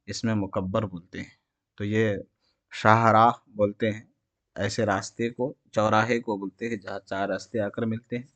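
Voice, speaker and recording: Low-voiced man teaching an exam quiz. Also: little pitch movement, fairly bright tone, no echo. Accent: Indian Urdu. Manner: reads each question and its options, then explains the answer. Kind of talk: exam prep lesson, reading quiz answers.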